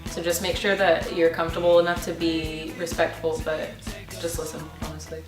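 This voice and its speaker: A woman in her twenties answering interview questions casually, thoughtful and halting, with frequent ums. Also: deep voice, completely flat delivery, far from the mic. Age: 20s. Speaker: interview guest. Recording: roomy, off-mic, with music behind.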